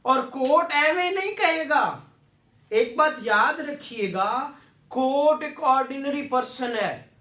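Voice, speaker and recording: Speaking slowly and expressively in a very high, sharp voice, a Pakistani Punjabi-accented man lectures a law class. His explanations circle back repeatedly, he frequently checks that listeners agree, and English legal vocabulary is woven in, all captured with echoey room sound.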